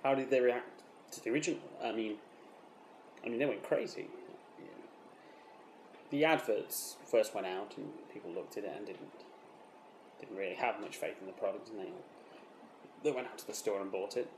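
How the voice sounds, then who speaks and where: A self-important British razor developer, played by a man, gives a mock documentary interview in a lowish voice. He boasts with deadpan earnestness and false modesty, halting and repeating himself defensively. The room echoes around him, with faint noise behind. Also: close to an everyday voice. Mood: proud storytelling. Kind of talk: mock documentary interview, improvised-sounding monologue. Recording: roomy echo with faint background noise.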